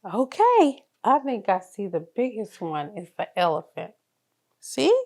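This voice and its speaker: Her medium-pitched voice is a little mellow, with big pitch swings and a measured pace. As a children's story reader, she narrates a picture book aloud to toddlers in a sing-song, encouraging, child-directed way.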